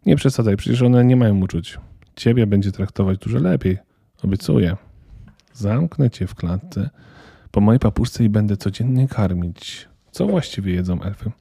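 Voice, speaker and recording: A man's voice: on the low side, lively intonation, moderate pace, creaky, warm tone, breathy edge, no echo, studio quality, heavily acted. A man voicing a spoiled, defiant eight-year-old girl who talks in a cold, smug, self-assured way.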